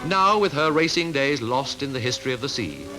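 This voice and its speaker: A man gives an old 1950s newsreel narration, formal and declamatory, his pitch rising and falling in lively sweeps. Music plays clearly behind him. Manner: formal, measured, declamatory delivery.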